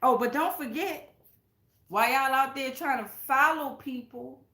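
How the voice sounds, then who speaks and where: In a reverberant room at home, a woman who runs a tarot channel gives a casual spiritual reading, speaking directly to viewers in a blunt, emphatic, foul-mouthed style. Her voice is high and sharp, and she speaks a little slowly.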